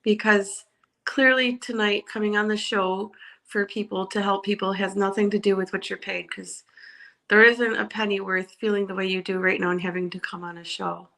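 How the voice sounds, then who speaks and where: Earnest woman co-host, medium pitch. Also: little pitch movement, normal speed, gravelly, sharp tone. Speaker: co-host, court watcher. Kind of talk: earnest talk show commentary.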